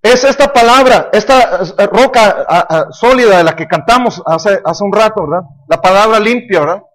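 Pastor, very high voice, emphatic sermon delivery, asks the congregation questions. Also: male voice, moderate pace.

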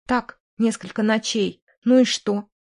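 A woman's voice: a little high, steady tone, measured pace, a little mellow, slightly rough. A woman reading an audiobook, voicing a cornered mistress who turns from nervous to defiant and scornful. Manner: nervous, then defiant and mocking.

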